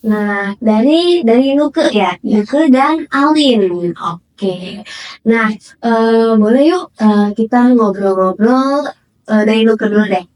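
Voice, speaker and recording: Upbeat woman interviewer, fairly high voice, a bit off-mic. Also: slow, darkish tone, far from the mic, rough recording. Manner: chatty, upbeat, many fillers. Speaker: host. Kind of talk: casual interview.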